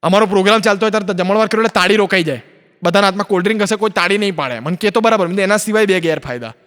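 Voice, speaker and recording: A man's voice: high-pitched, very fast, fairly bright tone. A man performing stand-up comedy on stage, telling stories and acting out both sides of the conversations in them. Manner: acts out both sides of dialogues in his stories. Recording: long hall reverb from an auditorium.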